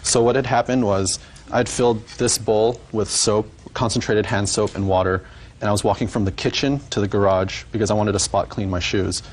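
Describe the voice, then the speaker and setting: A man giving courtroom testimony as a defendant in a hesitant, halting way. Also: fairly low pitch, steady tone, a little hiss or hum.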